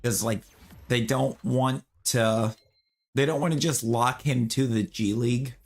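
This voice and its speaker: While gaming on stream, an opinionated man rambles loosely to his audience, often starting his sentences over. He speaks unhurriedly at a typical male pitch, with fairly even intonation.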